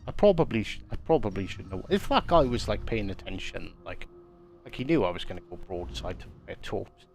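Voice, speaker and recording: A man with a somewhat low voice gives casual commentary on his own gameplay, cursing freely and stumbling over repeated words. Game music plays clearly behind him. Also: expressive, a little fast. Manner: swears often, repeats words, chuckles. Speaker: streamer playing a naval combat game.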